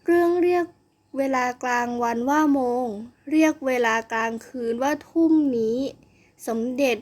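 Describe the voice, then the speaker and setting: A proud schoolboy from a storybook, speaking slowly and deliberately as if he were a grown-up scholar, voiced by a woman. The voice sits high. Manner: slow, measured, grown-up delivery. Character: proud schoolboy lecturing his classmates.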